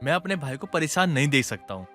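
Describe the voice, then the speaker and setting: Man doing a stern reproachful husband, fairly high voice, animated story, faint music. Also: fast. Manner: firm, reproachful. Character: stern husband protective of his brother. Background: background music.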